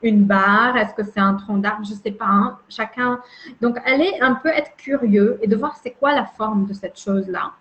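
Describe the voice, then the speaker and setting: A woman explaining a calming emotion exercise in conversation, gentle and demonstrative, often repeating her words. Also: medium pitch, moderate pace, dull audio. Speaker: emotional wellbeing guide.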